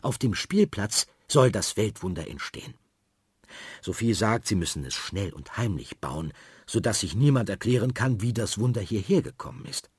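A man reads a children's story aloud with a lively, swinging melody. His voice sits low and husky, and the sound is dry and close. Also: moderate pace, no room sound. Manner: lively and expressive.

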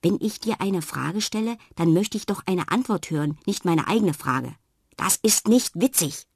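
A curious little girl from a bedtime story who keeps insisting and asking, voiced by a woman reader. The voice stays low and husky, close and dry. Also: expressive, moderate pace, no room sound. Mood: cross. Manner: questioning, insistent.

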